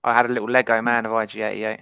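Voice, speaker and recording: A man's voice: lowish voice, flat delivery, rapid-fire, creaky, bright, forceful tone. A man hosting a casual football fan podcast panel, teasing his guests as he steers the chat. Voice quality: bantering, teasing. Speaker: host.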